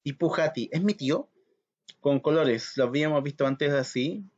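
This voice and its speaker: A man teaching a recorded language lesson, slow and patient, repeating words for learners to practise. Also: a little high, highs cut off.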